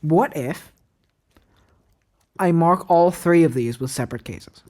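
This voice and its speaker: Her voice sits low and sounds a little mellow, and she talks at a slow pace. A native Cantonese speaker who creates languages, she screen-records herself thinking aloud at the computer about a constructed language, wandering, doubting herself and filling gaps with fillers.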